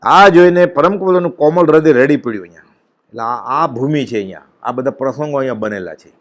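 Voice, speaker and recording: A man's voice: mid-range voice, lively intonation, a little fast. A man with a Gujarati accent giving an impassioned devotional sermon, quoting scripture and chanting verses. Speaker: spiritual discourse speaker.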